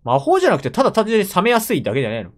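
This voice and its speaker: A young man from Japan talks to himself in a seated reaction stream, muttering and letting out frequent exclamations. His pitch sits a little high and swings widely from low grumbles to sudden high yelps. He is close on a desk mic in a room at home. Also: wildly swooping pitch, racing. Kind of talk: live reaction commentary.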